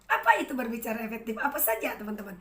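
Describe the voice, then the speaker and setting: A woman in her thirties, a university lecturer, giving a chatty, lively lecture straight to the camera in an empty room. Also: on the high side, very fast, echoey room. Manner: lively, chatty, addresses students directly. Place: room without an audience.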